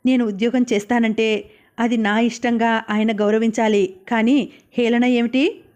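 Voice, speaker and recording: Woman voicing a defiant young wife, sharp-tongued, fairly high, narrow pitch. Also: steady tone, unhurried, close to an everyday voice. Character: angry, tearful young wife, blunt and proud.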